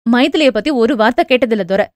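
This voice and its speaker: A woman voicing a spirited, quick-tempered young woman with sharp, raised retorts. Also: on the high side, expressive, no echo, studio quality, lightly acted. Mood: indignant.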